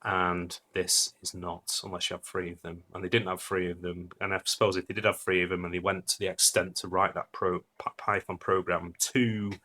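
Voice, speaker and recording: A man's voice: deep voice, flat delivery, normal speed, few pauses, pushed and bright. A man giving a casual, rambling technical monologue debunking a conspiracy video, blunt and scornful, with many fillers. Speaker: debunking commentator.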